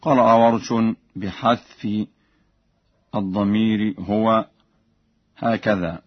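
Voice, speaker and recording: Slow, measured male recitation teacher. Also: fairly low pitch, fairly even intonation, slightly rough, dry recording, highs cut off. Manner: measured, explanatory delivery. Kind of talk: recitation lesson with chanted examples.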